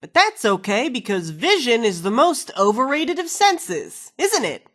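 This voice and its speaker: A woman's voice: a little high, sing-song, measured pace. An actress playing a wisecracking, foul-mouthed woman companion in a video game, sarcastic and slangy. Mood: sardonic.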